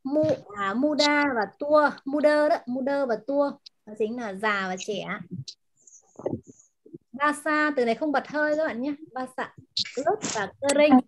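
A woman teacher in an online class, patiently explaining words and pronunciation and repeating them slowly over a video call. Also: sits high, a little hiss or hum. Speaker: language teacher.

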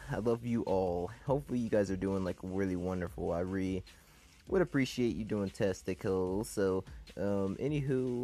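A young man casually commentating a game, rambling and excitable with crude jokes. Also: fairly low pitch. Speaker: gameplay commentator.

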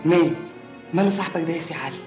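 A woman's voice: deep voice, racing, reverberant, music in the background, close to an everyday voice. An actress playing a doting, nosy woman who coaxes a man to open up, speaking expressively with an Egyptian accent. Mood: coaxing. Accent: Egyptian Arabic. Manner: coaxing, expressive.

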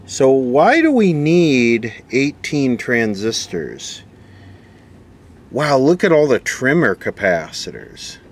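Speaking slowly at a medium pitch, a man works on vintage electronics for the camera, muttering and reasoning aloud in offhand repair commentary. Steady background noise runs under the recording.

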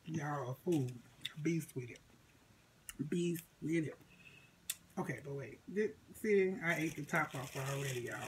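A woman's voice: deep voice, background noise. A woman from Florida chatting animatedly to camera as she eats in a casual food vlog, full of exclamations. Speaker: food vlogger. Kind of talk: casual mukbang chat to camera.

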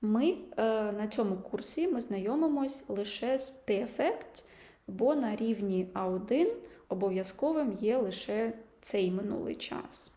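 A woman teaching a language lesson, patiently explaining and slowly sounding out example words. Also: medium pitch, animated, mellow, roomy sound. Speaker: German teacher.

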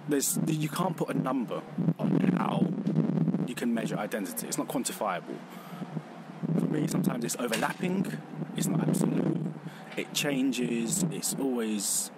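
Amid traffic noise on a city street, a Vietnamese man with an animated, mid-range voice shares reflective personal testimony as an exhibition contributor. He talks thoughtfully, pausing and correcting himself.

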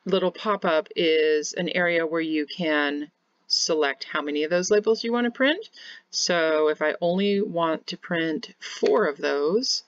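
A woman's voice: fairly low pitch, no room sound, lo-fi sound. Woman explaining labels step by step. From Kansas, United States. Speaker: home bakery business teacher. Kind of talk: screen-share software tutorial. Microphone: webcam in corner of screen share.

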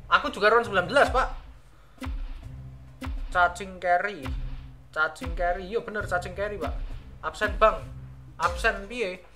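A man's voice: high-pitched, unhurried, pauses often, sharp tone. A young man with a Javanese accent hosts a gaming channel. He chats casually and playfully through his play, often repeating words in a sing-song mutter. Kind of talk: casual gameplay commentary. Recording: game music playing behind. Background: game music.

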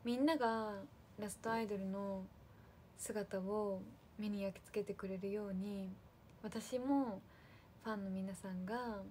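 A woman talks straight to her fans in a relaxed livestream, chatty and friendly, thanking viewers by name. Her voice sits at a middle pitch for a woman. A faint hiss of noise runs under the recording. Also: unhurried. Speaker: idol livestream host. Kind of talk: casual livestream chat with fans.

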